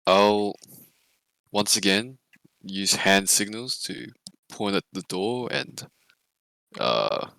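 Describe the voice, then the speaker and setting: A man's voice: on the low side, fairly bright tone, no room sound. A man casually describing his character's actions as a player in an online tabletop game. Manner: halting, describes hand signals.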